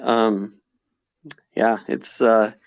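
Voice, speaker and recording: A man's voice: fairly low pitch, level tone, drawn-out words, creaky, no echo. Reflective man in his forties. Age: 40s. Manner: reflective, many restarts and fillers. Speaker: podcast guest. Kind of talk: casual conversation. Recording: slightly dull podcast audio.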